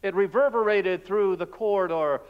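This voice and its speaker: A pastor acting out Barabbas, a frightened freed male prisoner, in an emotional, hushed and halting dramatic monologue in a church. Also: high voice, clean tone, dull audio, lightly acted. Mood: fearful. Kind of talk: dramatic first-person monologue. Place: church sanctuary.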